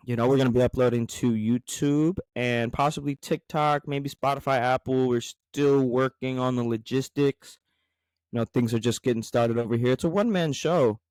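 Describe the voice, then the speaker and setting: A man's voice: medium pitch, moderate pace, darkish tone, clean tone, no room sound. A man with an American accent talking casually as a solo podcast host, in a rambling, conversational way. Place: garage.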